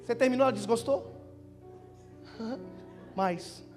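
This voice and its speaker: A man's voice: very high-pitched, takes it slowly, big-room sound. A young man with a Brazilian Portuguese accent, preaching at a church youth conference and telling joking stories to the crowd. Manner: joking, storytelling, addressing listeners as brother. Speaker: pastor. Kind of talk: lively conference sermon. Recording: live church sound with music underneath.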